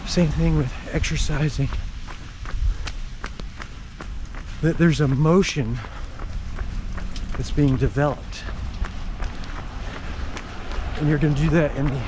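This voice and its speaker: Man talking while jogging outdoors, clear background noise. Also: a little high, steady tone, normal speed. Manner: talking while jogging, in short broken phrases. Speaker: running vlogger. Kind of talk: casual explanatory vlog talk while running. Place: outdoors on a run in the rain.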